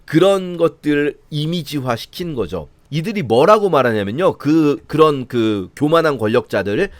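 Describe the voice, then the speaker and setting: A man's voice: on the high side, lively intonation, moderate pace, no room sound. A man, a pastor, explaining a Bible passage in a conversational sermon and acting out mocking voices of the scoffers. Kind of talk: sermon-style Bible reading commentary.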